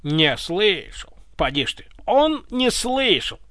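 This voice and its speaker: A man voicing a pompous, touchy old tsar in a dry, close read, using a lively voice that keeps rising into roaring anger. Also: on the high side, moderate pace, no echo. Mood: scolding. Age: older. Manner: pompous, roars when offended.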